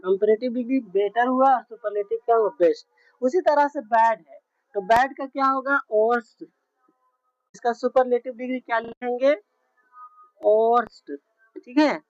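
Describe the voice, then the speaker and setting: A woman teaching English grammar slowly, spelling words out and checking in often with her students. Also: on the high side, fairly even intonation, a little mellow, no room sound. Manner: slow, repetitive, spells words out letter by letter with frequent check-ins. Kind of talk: classroom grammar lesson. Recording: dull, muffled lo-fi sound.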